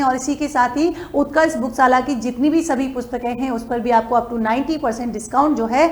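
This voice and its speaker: Woman teacher going over exam stuff, a bit high voice, lots of fillers, english words mixed in. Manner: explanatory, repeats fillers, mixes English words. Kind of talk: classroom lecture.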